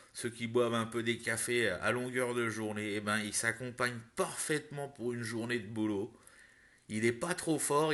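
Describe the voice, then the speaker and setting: Guy doing a casual review vlog, bright forceful voice, lots of ums and restarts, hypes stuff up. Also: on the low side. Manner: hesitant, many fillers and restarts; enthusiastic recommending. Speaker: vlogger reviewing e-liquids.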